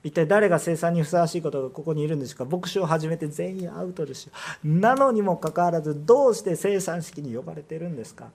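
A man preaching a sermon as pastor, his voice sitting a little high for a man. He presses his points with rhetorical questions and pushes his emphasis upward when a line matters. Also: animated, fast, gravelly, darkish tone.

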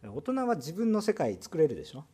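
A man's voice: a little high, wildly swooping pitch, a little fast, warm tone, slightly rough. A man pastor with a Kansai Japanese accent, giving a sermon in a conversational style with asides and rhetorical questions. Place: church.

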